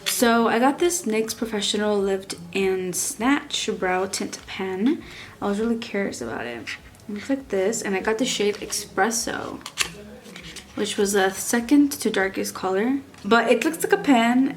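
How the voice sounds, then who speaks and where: A woman's voice: mid-range voice, moderate pace. A young woman from Texas, chatting casually through a makeup review and rambling with lots of likes and restarts. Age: young adult. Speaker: beauty vlogger.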